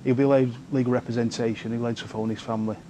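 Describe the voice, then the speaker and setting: A man working as an immigration officer, speaking calmly and procedurally in an office, with some fillers. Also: medium pitch. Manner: brisk, calm and procedural, with fillers. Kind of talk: interview and on-duty talk. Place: office in a reporting centre. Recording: noisy location sound.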